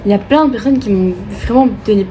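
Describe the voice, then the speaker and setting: A young vlogger from Liège with a Belgian French accent answers viewer questions in a casual Q&A chat. She's chatty and upbeat, using lots of fillers like euh and du coup. Her fairly high, mellow voice moves at a quick pace over slight background noise.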